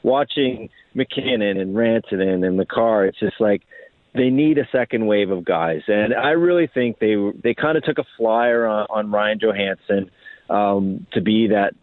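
The speaker is a hockey writer appearing as a radio interview guest over the phone, his voice on the low side and unhurried as he analyzes sports. He keeps repeating and restarting phrases. No room sound comes through, only tinny, narrow phone-line audio.

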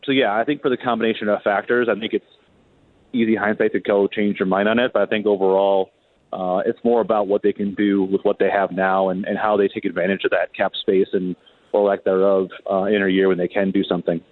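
A male reporter appears as a guest on a sports show, discussing hockey in a hesitant, conversational way, repeating his words. His voice is on the low side with a flat delivery and a fairly quick pace. The recording has a thin phone-line quality and a roomy echo.

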